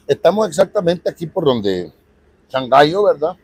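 A man's voice: a little high, very animated, unhurried, husky, no room sound. A man with a Salvadoran Spanish accent livestreaming from a city street, chatting with viewers and greeting them by name. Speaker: livestream vlogger. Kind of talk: casual live street stream.

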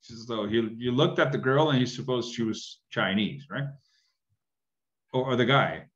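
A man's voice: medium pitch, measured pace. A middle-aged man teaching an online English lesson, explaining patiently and often checking in with "right?", recorded on a webcam indoors. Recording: dull lo-fi webcam audio.

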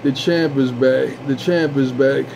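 A CB radio operator, male, chats over a dull lo-fi transmission crackling with static hiss. His medium-pitched voice is creaky and unhurried, with fairly even intonation, and he repeats his call-outs and drawls his sign-offs.

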